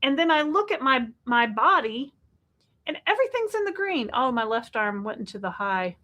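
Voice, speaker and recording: A woman in her fifties co-hosting a live question-and-answer chat, talking with animated, exasperated bursts and laughs. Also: high voice, normal speed. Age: 50s. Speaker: co-host.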